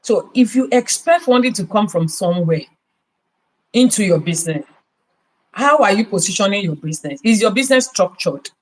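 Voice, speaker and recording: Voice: medium pitch, animated, moderate pace, rough recording. A podcast host with a Nigerian accent giving business advice, emphatic and full of rhetorical questions. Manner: emphatic, repeats key words.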